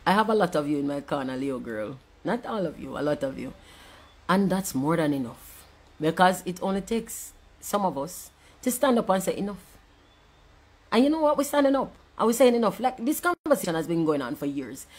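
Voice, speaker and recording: A woman's voice: fairly low pitch, very animated, a little fast, a little mellow. Blunt, profane Jamaican woman ranting. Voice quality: blunt, profane, mixing patois and standard English. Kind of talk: angry ranting monologue.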